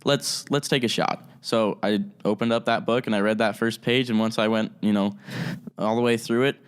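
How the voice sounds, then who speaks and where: A man's voice: on the low side, a little fast, clean tone. A young man co-hosting a podcast, talking casually with many fillers. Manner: relaxed, filler-heavy. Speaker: co-host.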